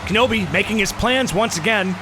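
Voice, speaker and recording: Male boxing announcer type, very high-pitched, dramatic play-by-play sports call over music. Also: a little fast. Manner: excited, dramatic delivery. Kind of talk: sports commentary in the manner of a boxing ring announcer. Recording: music behind the voice.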